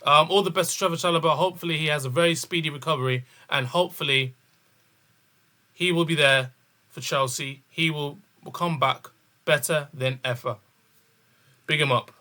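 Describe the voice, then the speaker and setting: A man's voice: on the high side, fairly even intonation, moderate pace, pushed and bright. A young man with a London accent and urban street slang, giving casual football commentary as a channel host, repeating phrases for emphasis.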